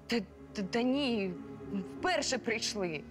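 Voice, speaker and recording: An actress playing a talkative restaurant waitress in a docudrama, gossipy and quick to defend herself. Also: female voice, a little high, lively intonation, music in the background. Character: chatty, defensive waitress eager to point fingers. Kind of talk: docudrama reenactment.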